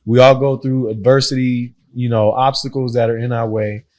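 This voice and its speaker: A podcast host who grew up between Haiti and Miami conducts an interview in a casual, affirming style, frequently repeating his phrases. He speaks at normal speed in a medium-pitched, level, darkish voice.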